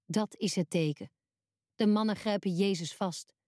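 A woman with a mellow, warm voice reads a children's story aloud in a calm, clear and simple way. The recording is close and dry, with no room sound. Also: medium pitch, moderate pace, no room sound. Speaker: storybook narrator. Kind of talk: scripted narration of a children's Bible story.

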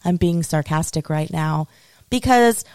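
Sarcastic woman podcast host, smooth voice. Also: sits low, unhurried, a little mellow, no room sound. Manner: sarcastic, swears freely, swings between mock praise and outrage. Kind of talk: solo opinion podcast rant.

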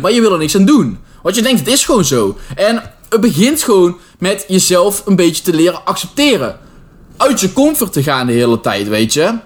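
Casual slangy Dutch young man. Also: high voice. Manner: casual, slangy, mixes in English phrases. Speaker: podcast host and online personal trainer. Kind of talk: unscripted solo podcast talk.

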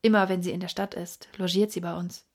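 A woman reading an audiobook, voicing a polite, obliging male hotel desk clerk with a husky voice. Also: lowish voice, level tone, fairly quick.

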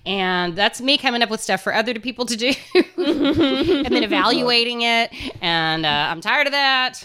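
A woman's voice: on the high side, animated, normal speed, sharp tone. A woman co-hosting a podcast in casual, chatty talk and laughing easily; she works as a school librarian. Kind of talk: casual chat.

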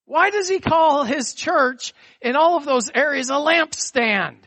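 A man preaching an impassioned sermon in a grand, declamatory manner with drawn-out phrases. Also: extremely high pitch, lively intonation, sharp tone, no echo.

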